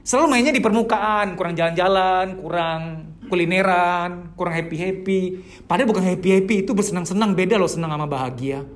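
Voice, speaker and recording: A man, a therapist, giving a lively, casual seminar lecture to a workshop group and putting rhetorical questions straight to his listeners. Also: sits high. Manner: casual colloquial speech mixed with teaching terms. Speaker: therapist leading a healing workshop.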